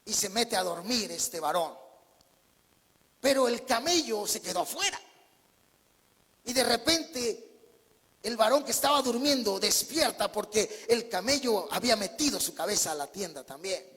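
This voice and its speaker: A man's voice: sits high, animated, normal speed, long pauses, fairly bright tone, slightly rough. A male preacher, giving an emphatic storytelling sermon in a church hall.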